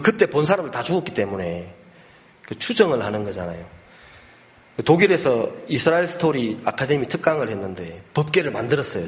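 A male pastor preaching a sermon, telling stories emphatically and punching his points with vivid sound words. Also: medium pitch.

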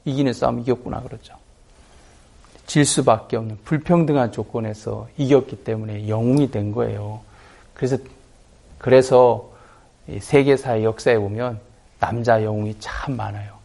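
A man's voice: mid-range voice, fairly even intonation, normal speed, vocal fry, darkish tone. A middle-aged man, a pastor and school principal, preaching with stories and acting out the voices of students in dialogue. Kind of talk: sermon with storytelling.

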